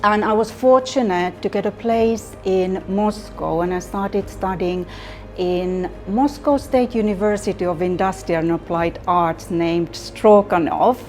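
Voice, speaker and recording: A middle-aged woman with a Finnish accent gives an interview at an unhurried, careful pace. She often stops to gather her thoughts and fills the gaps with small fillers. Faint music plays beneath her voice. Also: mid-range voice, darkish tone. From Finland. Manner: slow, thoughtful, with many pauses and fillers. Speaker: artist. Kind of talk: interview monologue.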